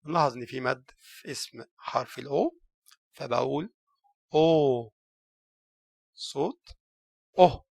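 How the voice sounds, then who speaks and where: A man's voice: medium pitch, moderate pace, creaky, a bit bright, breathy edge, no echo. A man with an Egyptian Arabic accent teaching English letter sounds, saying each letter and word and then explaining it. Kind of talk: recorded language lesson.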